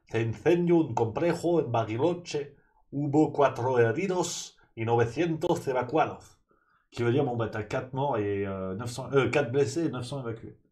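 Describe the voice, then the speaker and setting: A man's voice: medium pitch, warm tone. A man hosting a live-streamed morning press review in a loose, joking way, reading out chat messages and thanking subscribers.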